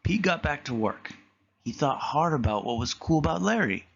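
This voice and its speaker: A man reading a children's picture book aloud with expressive storytelling. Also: fairly high pitch, moderate pace, gravelly, slightly rough, lo-fi sound.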